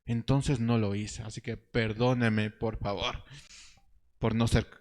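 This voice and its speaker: A man preaching a sermon in an animated, ironic way, reading verses slowly and pitching quoted lines up high. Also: big-room sound. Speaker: pastor.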